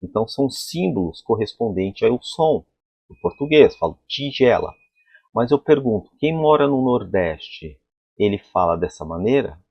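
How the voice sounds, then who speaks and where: A man's voice: lowish voice, sing-song, normal speed, vocal fry, slightly rough, no room sound, muffled recording. A man teaching an English pronunciation lesson at a board, explaining sounds and asking the class rhetorical questions. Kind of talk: whiteboard phonetics lesson.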